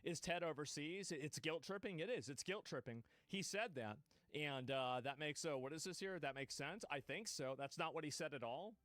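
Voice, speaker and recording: A man's voice: a little high, normal speed, a bit bright, dry recording. A man streamer reacting to a clip on a live stream, heated and profane, repeating himself as he rants.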